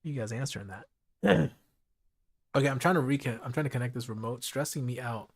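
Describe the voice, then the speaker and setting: Hoarse after hours of talking, a man runs a late-night live stream, chatting casually and directly with his chat. His voice sits in the mid range, and he speaks briskly.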